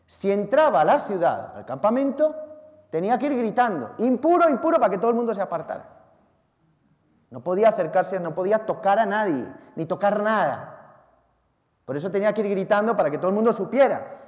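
High-voiced Spanish priest in echoing church. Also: male voice. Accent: Spanish from Spain. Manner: lively, theatrical, shouts out acted cries, talks to listeners directly. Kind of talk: Sunday homily. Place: large church. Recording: long church reverb.

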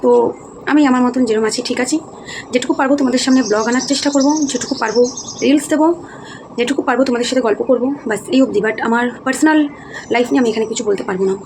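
Weary woman vlogger, gravelly and quick. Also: fairly high pitch. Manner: earnest, explaining herself, a little weary. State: feeling low and heavy-hearted. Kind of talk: casual talk to viewers. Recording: noticeable background noise.

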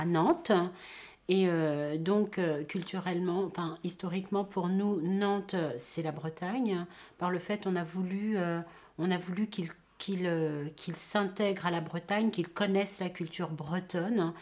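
Woman from madagascar, mom of three, interview, slightly low voice, halting. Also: a little mellow. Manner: careful, halting with restarts. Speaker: parent.

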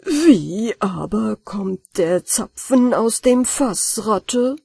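Brief: woman reads a furious storybook house owner, loud bellowing menace, dry close sound. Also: mid-range voice, animated, extremely slow, vocal fry, slightly rough, no echo, exaggerated voice. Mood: deflated. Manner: bellowing, threatening. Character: blustering angry male house owner.

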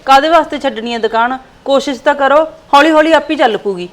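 A woman's voice: high voice, quick pace, echoey room. A young woman playing an indignant, complaining daughter-in-law in a family skit.

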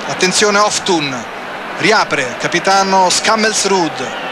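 High-pitched breathless male goal commentator. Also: slow. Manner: excited, breathless goal calls. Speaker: football play-by-play commentator. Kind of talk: live Italian goal commentary. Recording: loud stadium crowd noise behind broadcast commentary. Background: loud football stadium crowd.

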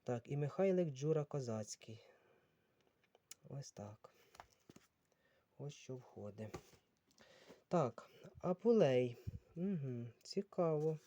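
A man sorting old books on camera, unhurried and musing as he reads titles aloud. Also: mid-range voice, lively intonation, warm tone, lo-fi sound. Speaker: book collector vlogger. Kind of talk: casual talk while sorting books.

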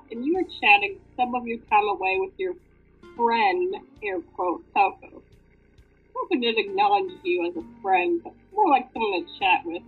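Husky and mid-range, this woman's voice carries a casual reading of fan fiction peppered with joking, profane asides. She acts as both reader and commentator, and the sound is tinny and phone-like.

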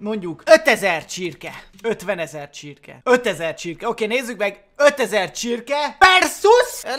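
A young man giving excited gameplay commentary, often laughing and exclaiming. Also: high voice. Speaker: gaming YouTuber.

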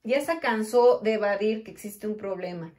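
A woman giving a slow, emphatic tarot reading straight to the listener, often calling them "corazón". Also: mid-range voice, a little mellow. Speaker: tarot reader. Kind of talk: intimate direct-to-camera tarot reading.

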